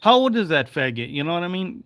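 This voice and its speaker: A man's voice: high-pitched, very animated, fast talker, a bit bright, no echo. A man in his forties ranting on a livestream, heated and profane, slipping in Spanish phrases. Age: 40s. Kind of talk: angry livestream rant.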